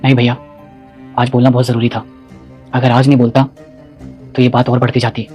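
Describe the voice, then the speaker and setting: A man playing a firm young husband in a family drama skit, lecturing calmly. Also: medium pitch, brisk, muffled recording, soft background music, close to an everyday voice. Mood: stern.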